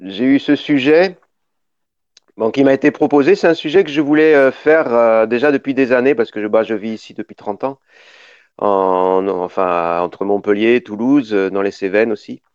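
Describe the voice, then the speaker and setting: In a radio interview, a Parisian documentary maker in middle age gives long explanations at a moderate pace, frequently starting sentences over. His voice is medium-pitched, darkish, and clean, captured with a dull, dry studio sound.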